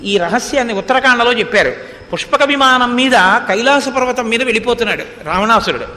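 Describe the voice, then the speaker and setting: High-voiced guy preaching a sermon, lively storyteller, bright tone, long echo like a big hall. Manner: animated storytelling, recites Sanskrit verses. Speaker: religious discourse speaker.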